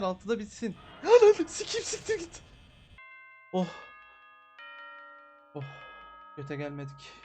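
A streamer doing live horror gameplay commentary, grumbling and cursing constantly and shrieking at jumpscares. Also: medium pitch. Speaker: game streamer.

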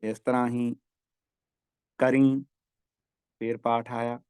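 A man teaching scripture recitation, chanting verses slowly and repeating them for practice. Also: mid-range voice, flat delivery, a little mellow, clear, resonant tone, no room sound.

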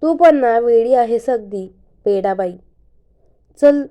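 Brief: woman reading an easygoing, teasing young man in a storybook, slow, mellow delivery. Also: on the high side, expressive. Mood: calm teasing. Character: young man, calm and teasing, strict vegetarian.

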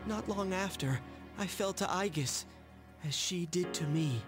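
A young man voicing a calm, mysterious young figure in a video game, speaking in a measured, grave way. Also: high voice. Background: game music.

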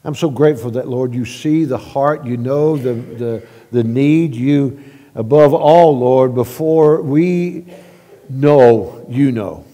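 A man leading a church prayer at a pulpit microphone, halting with repeated words and swelling louder as he prays. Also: medium pitch. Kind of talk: spoken church prayer and announcements. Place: church sanctuary. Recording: long reverb of a church sanctuary.

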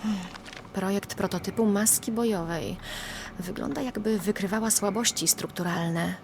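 A woman's voice: mid-range voice, normal speed, background noise, close to an everyday voice. A young woman voicing a plucky, wry reporter sneaking about in a video game, talking to herself. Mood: wry, determined.

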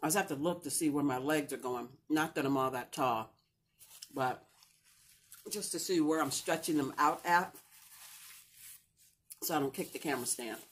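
A woman's voice: deep voice, moderate pace, long pauses. Middle-aged woman chatting while eating crunchy fried chicken. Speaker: mukbang video host. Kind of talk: casual chat to viewers while eating. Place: living room at home, indoors. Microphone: camera on a stand at table distance.

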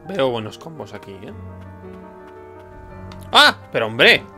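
A man's voice: mid-range voice, big pitch swings, slow pace. A man giving casual gameplay commentary, exclaiming and swearing when he gets hit and chatting between fights. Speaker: gameplay streamer. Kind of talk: casual let's-play commentary. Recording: game soundtrack loud behind voice. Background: game music.

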